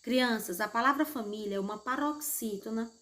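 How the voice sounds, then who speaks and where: A Brazilian woman teacher with a fairly high, slightly bright voice speaks at normal speed in Brazilian Portuguese during a recorded class. She patiently explains as she corrects textbook exercises with her pupils, frequently checking in with "né?" and "certo?"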